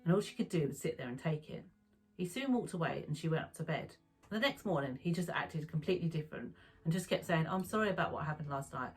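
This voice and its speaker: A woman narrating a true crime story in a calm, even storytelling manner. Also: low voice, fast talker, slightly rough, soft background music, low-quality recording.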